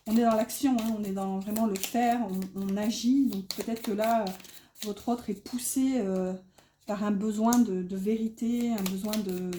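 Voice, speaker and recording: A woman with a faint northern French accent gives a casual tarot reading, pausing often with fillers as she explains the cards. Her voice sits a little high but sounds mellow and dark. It carries an echoey room sound. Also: slight background noise. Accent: northern French (ch'ti). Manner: hesitant, many fillers, talks through card meanings. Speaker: tarot card reader.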